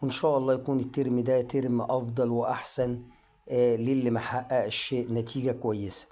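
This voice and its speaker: A man's voice: mid-range voice, level tone, darkish tone. A man with an Egyptian Arabic accent teaching English pronunciation in an online lesson, drilling words one at a time. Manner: slow, drawn-out word-by-word drilling.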